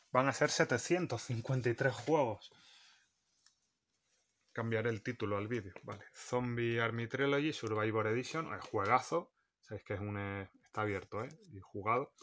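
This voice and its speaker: Chatty man, low voice. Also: a bit bright, a little hiss or hum. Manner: chatty, listing titles one by one. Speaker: game collector vlogger. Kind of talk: casual vlog showing a game collection.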